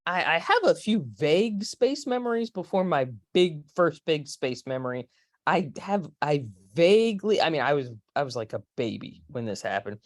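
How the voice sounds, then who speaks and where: A woman's voice: low voice, animated, moderate pace, dry recording. Chatty woman in her forties, dry sound. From Florida, USA. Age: 40s. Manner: chatty, rambling storyteller. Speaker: space historian guest. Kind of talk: casual interview.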